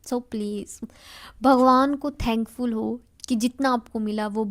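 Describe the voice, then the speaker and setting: A woman's voice: a little high, fairly even intonation, a little slow. Earnest woman giving motivational advice. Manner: earnest advice, repeats phrases for emphasis, mixes in English. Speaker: motivational speaker. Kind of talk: motivational talk to camera.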